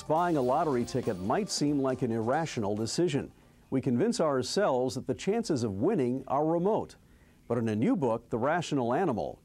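Measured middle-aged male host. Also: mid-range voice, dark tone. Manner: measured, formal delivery. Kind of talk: scripted introduction and interview questions. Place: studio set.

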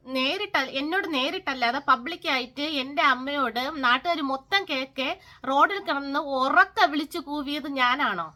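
A woman vents in a personal vlog, scolding and sarcastic. Her voice sits high and sounds bright and sharp. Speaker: vlogger. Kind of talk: angry personal vlog rant.

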